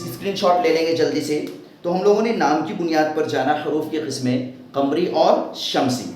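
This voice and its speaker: Male grammar teacher, slow, repetitive, leans on tag questions; raised pitch, boomy echoey room. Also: a little mellow, a little hiss or hum. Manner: asks questions and answers them himself. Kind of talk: Urdu grammar lesson.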